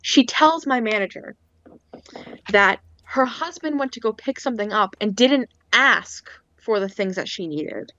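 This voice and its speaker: Animated storytelling woman on a call. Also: on the high side, measured pace, no echo. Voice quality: animated storyteller who acts out other people's lines. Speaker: podcast co-host. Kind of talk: casual chat. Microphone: internet call. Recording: dull lo-fi internet call audio.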